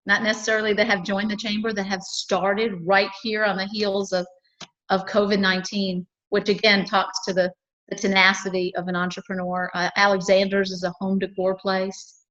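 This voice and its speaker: A woman's voice: medium pitch, flat delivery, normal speed, a bit bright, dull audio. A woman from a chamber of commerce, talking earnestly and cheerfully in a local cable TV interview, with lots of fillers and restarts.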